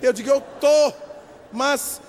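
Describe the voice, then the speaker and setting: An older man from Brazil, telling an animated story at a lecture and acting out the dialogue in shifting voices. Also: very high-pitched, moderate pace. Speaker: spiritist lecturer. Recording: long hall reverb.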